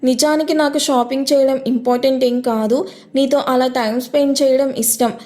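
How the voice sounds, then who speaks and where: A woman's voice: sits high, steady tone, brisk, a little mellow, close to an everyday voice. A woman voicing a playful, teasing young bride-to-be in a romance audio story, bubbly and bossy. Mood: tender.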